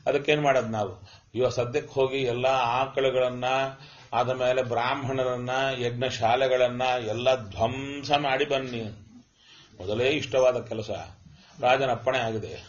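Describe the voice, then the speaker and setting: A middle-aged man giving a spiritual discourse, chanting verses and asking and answering his own questions as he tells a story. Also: medium pitch. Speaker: religious discourse speaker. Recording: dull lo-fi recording.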